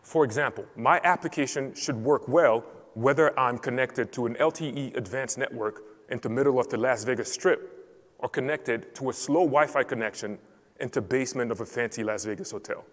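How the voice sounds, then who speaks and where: Man, from Cameroon, conference speaker, clear structured delivery, mid pitch, long hall reverb. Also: normal speed. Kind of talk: technical conference talk. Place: large conference hall stage.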